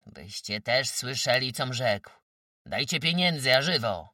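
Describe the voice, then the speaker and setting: A man voicing a defiant, sullen young peasant son making gruff demands. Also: mid-range voice, sing-song, unhurried, bright, forceful tone, dry recording, clean studio sound, distant mic, pitched above the performer's own voice, heavily acted.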